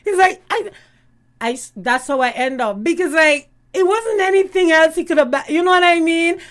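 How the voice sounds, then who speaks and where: A woman's voice: very high-pitched, lively intonation, normal speed, fairly bright tone. A middle-aged woman from Canada, a guest in a casual chat who tells stories in a chatty way and laughs often. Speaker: guest, YouTube gossip host.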